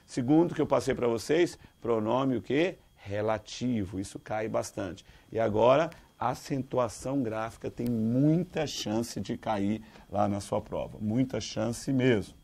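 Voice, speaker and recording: Brazilian man, gravelly teaching voice. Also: medium pitch, measured pace, few pauses. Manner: lively, quizzes listeners with rhetorical questions; calls students "dear". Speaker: Portuguese teacher. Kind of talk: exam-prep grammar lesson.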